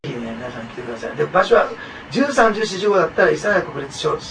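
A man pastor delivering a sermon in an earnest, repetitive way, leaning on little asides to his listeners. His fast, gravelly voice sits a bit high and is picked up from some distance, with faint room noise behind. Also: very animated, a bit bright.

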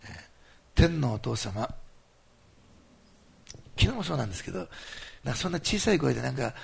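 Gravelly-voiced man leading fervent prayer. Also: mid-range voice, sing-song, fairly quick. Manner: fervent, commanding prayer declarations; earnest, coaxing address to listeners. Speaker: pastor. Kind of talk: sermon and healing prayer.

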